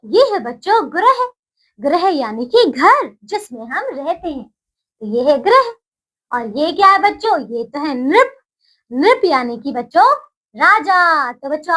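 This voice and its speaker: A woman teaching young children in a slow, patient lesson voice. Her voice sits very high and swings widely, and she lifts each new word in a sing-song way so the children can follow along. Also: a bit bright, low-quality recording. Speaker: primary school Hindi teacher.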